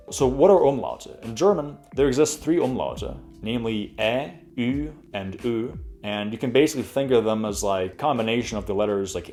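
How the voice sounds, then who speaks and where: Hosting a laid-back pronunciation class, this twenty-something man speaks in a mid-range, somewhat mellow voice. He's chatty, leans on fillers, and demonstrates the sounds along the way.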